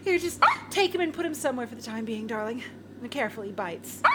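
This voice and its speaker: A woman's voice: on the high side, animated, fast talker, natural voice. A woman voicing a vain, pompous female diva singer who is condescending and cruel, in a comedy audio drama. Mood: haughty. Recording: audible background noise.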